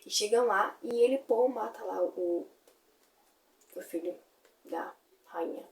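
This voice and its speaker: A woman's voice: mid-range voice, takes it slowly, vocal fry, a little mellow, distant mic. A woman recapping a fantasy novel in a casual, chatty way, full of fillers. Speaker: book reviewer.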